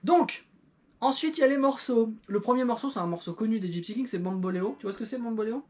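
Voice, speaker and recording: A woman's voice: a little high, animated, fast talker, a little mellow. A middle-aged woman in casual chat, reviewing an old record with her child in a playful, self-mocking way with many fillers. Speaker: YouTuber and parent.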